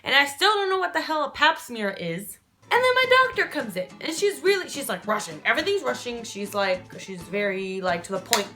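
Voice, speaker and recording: Animated, high-voiced young woman. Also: fairly quick, faint music behind. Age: young adult. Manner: animated, casual, swears freely. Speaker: vlogger. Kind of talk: storytime vlog.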